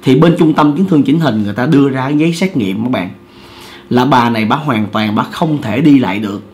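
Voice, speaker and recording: A man tells a ghost story in a relaxed, chatty way. He repeats himself often and turns to speak directly to his listeners. His voice sits at an ordinary middle pitch. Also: fairly quick. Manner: conversational, repetitive, addresses listeners directly. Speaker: storyteller host. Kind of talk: casual ghost-story telling.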